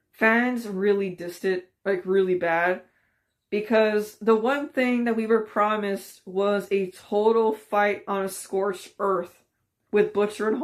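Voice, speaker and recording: A woman talks straight to her viewers in a loose, unscripted opinion piece. She rambles and restarts, sounding frustrated. Her voice sits at an ordinary middle pitch. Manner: ranting, frustrated, rambling with fillers. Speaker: vlogger. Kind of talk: casual opinion commentary.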